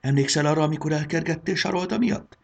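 An eager young male dragon rushes his words and coaxes in a lifted voice, as a man reads him in a storybook. The tone stays husky and gravelly underneath. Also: on the high side, voice pushed up. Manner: hurried, coaxing.

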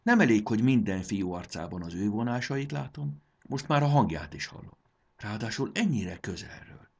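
A man's voice: fairly low pitch, animated, gravelly, a little mellow, slightly rough, lo-fi sound, pitched above the performer's own voice, exaggerated voice. A man voicing a grieving mother who speaks in a trembling, emotional way in a storybook reading.

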